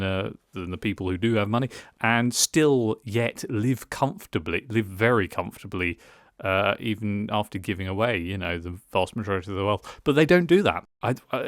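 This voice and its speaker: A tipsy man giving a casual solo film review, rambling and halting as he stumbles over his words after drinking wine. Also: on the low side, dry recording, clean studio sound.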